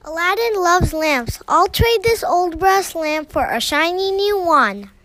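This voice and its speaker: A woman's voice: extremely high pitch, expressive, a little slow, fairly bright tone, no room sound, pitched above the performer's own voice, full character voice. A woman voicing a young, squeamish princess in a read-aloud storybook. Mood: girlish.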